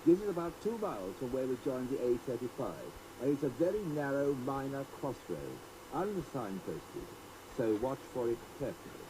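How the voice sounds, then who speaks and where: A man gives driving directions in a measured, scripted style, heard through the wobbly tape warble of a worn cassette player. His pitch wanders widely as the tape drags and speeds. Heavy tape hiss sits under every word. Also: big pitch swings. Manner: measured, carefully paced directions. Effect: wobbly tape warble from an old cassette player with high wow and flutter. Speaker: tour guide narrator. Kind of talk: scripted narration of a driving tour. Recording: hissy old cassette tape played back aloud.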